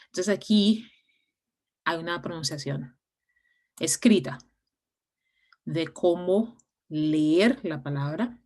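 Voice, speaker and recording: Low-voiced woman teaching online. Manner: explains step by step with frequent fillers and restarts. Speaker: English teacher. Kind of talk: online class explanation.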